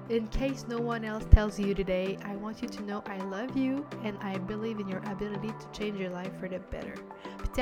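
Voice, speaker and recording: A woman's voice: mid-range voice, darkish tone. Woman, Québécois accent, podcast host, chatty, enthusiastic, faint music behind. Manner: chatty and enthusiastic, many fillers and English loanwords. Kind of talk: solo podcast monologue.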